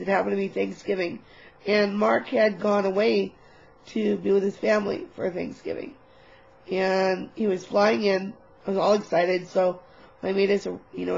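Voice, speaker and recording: A woman vlogger telling a personal story in a casual, animated, candid way, swearing now and then, on a webcam mic. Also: medium pitch, gravelly, husky, muffled recording.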